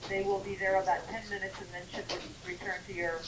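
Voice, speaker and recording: A woman's voice: medium pitch, flat delivery, fast. A woman from the school staff reads a formal announcement over the school intercom, repeating her instructions. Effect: school intercom loudspeaker. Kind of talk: public address announcement. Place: classroom, heard over intercom speaker. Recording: distant loudspeaker with crowd noise.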